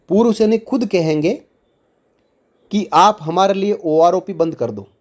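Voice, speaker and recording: A man's voice: high-pitched, mellow. A man explaining pension tables to viewers, reading figures off a table in an indignant tone. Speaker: news commentator.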